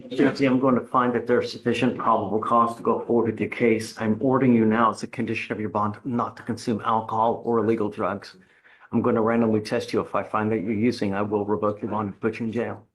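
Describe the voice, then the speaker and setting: A man's voice: fairly low pitch, flat delivery, quick pace, a bit bright, breathy edge, rough recording. A man speaking as a judge in a courtroom, giving blunt, stern orders and warnings in a directive way. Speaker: judge presiding over bond hearings.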